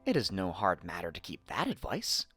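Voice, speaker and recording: A man's voice: deep voice, wildly swooping pitch, normal speed, pushed and bright, husky, faint music behind, exaggerated voice. A man voicing a naive, good-hearted young farm lad, earnest, in a storybook reading. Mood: carefree.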